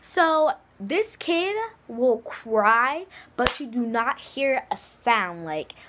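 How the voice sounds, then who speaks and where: A female vlogger talking in a chatty, slangy, animated way in a casual comedy video. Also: fairly high pitch, extremely slow, noisy background.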